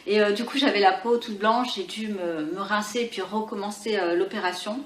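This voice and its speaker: A woman talking through her favorite beauty products in a casual vlog, pausing often and restarting her sentences. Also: medium pitch, steady tone. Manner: hesitant, full of pauses and restarts. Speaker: beauty vlogger. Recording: echoey room with faint ambience.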